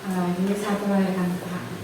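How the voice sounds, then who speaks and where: A woman's voice: fairly low pitch, flat delivery, quick pace. A woman in her thirties, a school principal, earnestly explaining her decisions in an interview. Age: 30s. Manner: earnest, explains with examples and quoted dialogue. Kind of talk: interview about school leadership. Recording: echoey room, far from mic, noisy.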